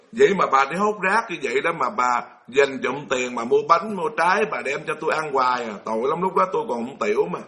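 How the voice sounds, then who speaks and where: A man's voice: mid-range voice, expressive, brisk, a bit bright. A man with a Southern Vietnamese accent, a Buddhist monk telling a folksy story in a dharma talk and putting questions to his audience. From Mekong Delta, Vietnam.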